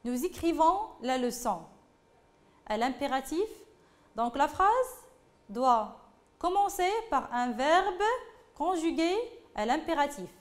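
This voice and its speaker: A woman's voice: high-pitched, very animated, slow, pauses often. A woman teaching a French grammar lesson, talking patiently to pupils and repeating phrases as she goes.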